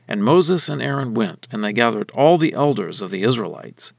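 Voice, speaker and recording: A man reading scripture aloud in a measured, expressive way, after closing a prayer. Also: medium pitch, gravelly, no room sound. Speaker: scripture reader.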